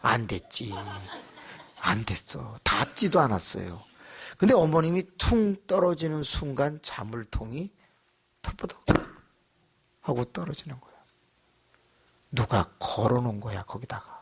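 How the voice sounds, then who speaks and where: A man's voice: mid-range voice, sing-song, a little slow, creaky, long pauses, slightly rough. A man pastor preaching a sermon in a church, telling a story animatedly and acting out voices.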